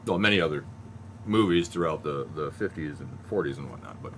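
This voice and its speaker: A man's voice: rumbling low, animated, fairly quick, fairly bright tone, slight background noise. A man in his thirties hosting a podcast, rambling casually and laughing often as he jokes. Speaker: podcast host. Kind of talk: casual chat.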